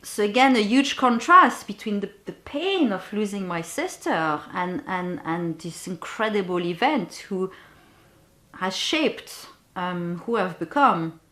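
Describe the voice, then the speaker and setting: A woman who works as a bereavement guide tells a personal story to the camera, slowly and reflectively, often pausing to search for words. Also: mid-range voice, expressive, pushed and bright. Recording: roomy echo.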